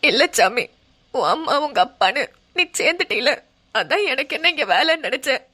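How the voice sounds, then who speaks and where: A woman voicing a gentle, self-effacing old village grandmother in a dramatic cartoon. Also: sits high, sing-song, moderate pace, exaggerated voice. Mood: tender. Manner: soothing, calls others "dear" and "my lord".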